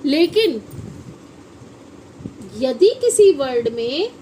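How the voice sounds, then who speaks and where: A woman's voice: high voice, big pitch swings, very slow, dark tone, slight background noise. A woman teaching an English phonics lesson to children. She spells words out letter by letter and asks the children to say them back. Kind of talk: classroom-style phonics lesson.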